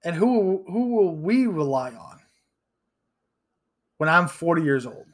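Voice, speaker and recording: A man's voice: fairly high pitch, big pitch swings, takes it slowly. A man in his thirties hosting a solo podcast, ranting bluntly and profanely with frequent restarts and stumbles. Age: 30s. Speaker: podcast host.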